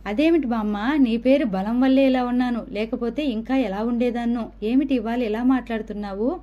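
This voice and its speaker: A woman's voice: fairly high pitch, fairly quick, muffled recording, close to an everyday voice. A woman voicing a troubled, earnest young mother who speaks pleadingly.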